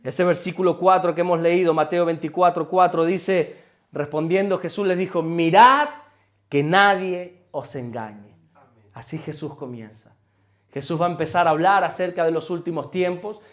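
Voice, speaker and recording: High-voiced preaching pastor. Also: male voice, fairly even intonation, brisk. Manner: emphatic, asks the congregation questions, repeats words when stumbling. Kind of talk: sermon.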